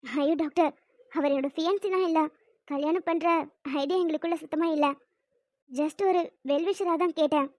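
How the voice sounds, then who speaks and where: A high-voiced performer as an anxious young older sister. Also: fairly even intonation, normal speed, pauses often, a little mellow, dry recording, close to an everyday voice. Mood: worried. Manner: worried, tearful, pleading.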